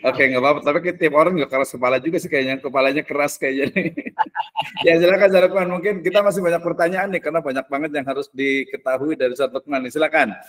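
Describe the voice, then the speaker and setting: A man hosting a podcast, talking in a relaxed, casual way with many hesitations. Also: fairly high pitch, fast. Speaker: podcast host.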